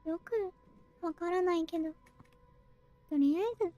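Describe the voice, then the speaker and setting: A woman giving casual game commentary, musing aloud in short, soft phrases. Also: very high-pitched, steady tone, fast talker, faint music behind. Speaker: game streamer.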